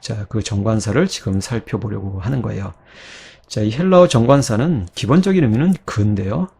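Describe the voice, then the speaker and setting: A man teaching a recorded grammar lecture, reading word forms aloud slowly and patiently checking that listeners follow along. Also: fairly low pitch, creaky, dark tone, husky. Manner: patient, coaxing, checks understanding with "자" and "그쵸?".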